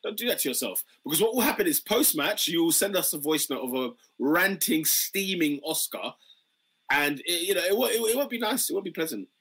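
London roadman-accented man, bright forceful voice. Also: fairly high pitch, animated, brisk, breathy edge. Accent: London, urban roadman slang style. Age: 30s. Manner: slangy street-style talk, repeats phrases. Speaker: podcast host and DJ. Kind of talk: casual football podcast banter.

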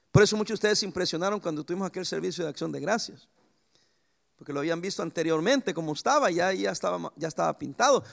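Male pastor, high gravelly voice, very lively swings in pitch, preaching with homely stories. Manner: lively preaching with sudden pitch jumps and anecdotes. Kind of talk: sermon.

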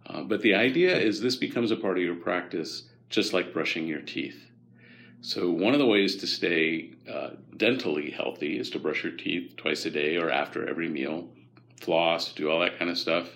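Low gravelly man explaining calmly. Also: moderate pace. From United States. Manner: calm, guiding, gently instructive. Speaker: guest expert on mindfulness. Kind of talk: explanatory interview talk.

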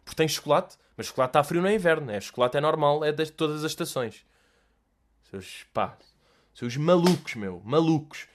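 In a relaxed solo show, a young man answers listener questions with animated humor, plenty of slang and swearing, and a European Portuguese accent. His pitch is on the high side, and his pace is moderate.

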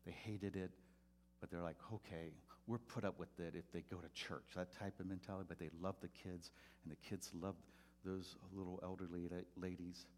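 A pastor delivers a sermon through a personal story, his voice sitting very low. He grows animated and loud as the story builds, and he acts out the voices of the people in it. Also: normal speed, a little hiss or hum.

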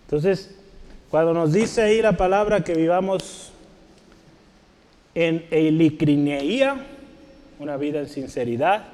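This sermon comes from a man teaching a Bible class, his voice a little high and mellow, moving at normal speed. He jots terms on a board, addresses listeners politely and formally, and often pauses to ask whether they understand.

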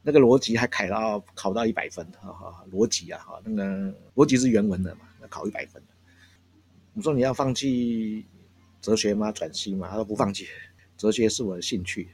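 A man's voice: on the low side, brisk, darkish tone, a little hiss or hum. Chuckling man in his sixties. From Taiwan. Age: 60s. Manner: chatty, chuckles often between phrases. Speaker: café owner, interviewee. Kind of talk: casual storytelling interview. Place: countryside coffee shop. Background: faint jazz from shop speakers.

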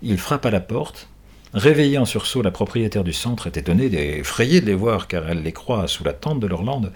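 A man's voice: fairly low pitch, normal speed, breathy edge. Man reading a children's book aloud. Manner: lively, changing voices for characters. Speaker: audiobook reader.

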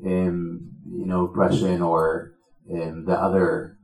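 A man from Tunisia asking a question from the audience, hesitant with many pauses and ums. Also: low voice, little pitch movement, gravelly, darkish tone, echoey room, low-quality recording.

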